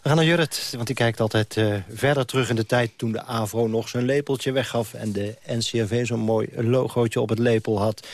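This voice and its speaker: A man's voice: medium pitch, fairly even intonation, brisk, hardly any pauses. A radio host questions his guests in a probing, lightly teasing way from the studio. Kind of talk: live radio interview and studio chat.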